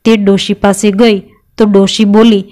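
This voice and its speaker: A middle-aged woman narrating a devotional folk tale in a steady, plain storytelling manner. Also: mid-range voice, a little slow. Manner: steady, plain storytelling with quoted dialogue read in the same voice.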